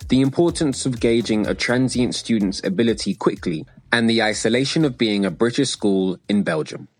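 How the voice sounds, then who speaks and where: A man reading a scripted podcast introduction in an even, read-out delivery. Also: medium pitch, moderate pace. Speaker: podcast announcer. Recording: faint music underneath.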